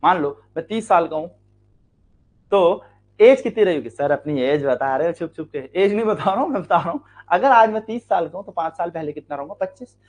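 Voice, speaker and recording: A brisk Indian maths teacher with a fairly high yet darkish voice and lively intonation takes exam students through a lesson step by step. Rhetorical questions he answers himself, repeated key lines and elongated words for stress mark his delivery.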